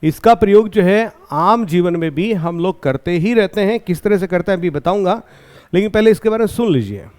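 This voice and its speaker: A man, teaching a recorded exam-prep lesson, explaining slowly, repeating key points and asking and answering his own questions. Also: sits high, darkish tone.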